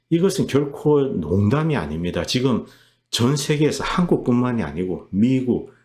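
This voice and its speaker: A man's voice: medium pitch, a little mellow. A male channel host giving an emphatic political commentary monologue, acting out quotes with heat. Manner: emphatic, reenacts quotes in a heated voice.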